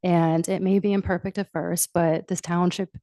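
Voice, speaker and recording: A woman speaking as the chair of a township board meeting, making formal remarks in halting, measured phrases. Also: fairly low pitch, flat delivery, warm tone, no room sound, clean studio sound.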